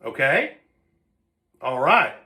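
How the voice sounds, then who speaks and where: A man's voice: mid-range voice, big pitch swings, very slow, pushed and bright. A man teaching an online string lesson from home on a phone camera, patient, checking in often. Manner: patient, repeats 'okay?' often. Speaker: music teacher. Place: home, seated with whiteboard.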